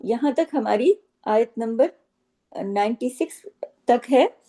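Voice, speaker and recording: A woman teaching Quran recitation, patiently explaining each rule and repeating words slowly. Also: on the high side, expressive, dark tone. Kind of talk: slow tajweed lesson with recited phrases.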